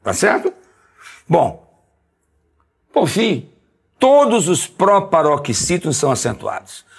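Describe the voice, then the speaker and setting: A man's voice: a little high, wildly swooping pitch, gravelly, slightly rough. A Brazilian man teaching a Portuguese grammar lesson, explaining step by step and often checking with "tá certo?", stretching out key syllables. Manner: didactic, keeps asking "tá certo?"; sing-song, stresses syllables slowly.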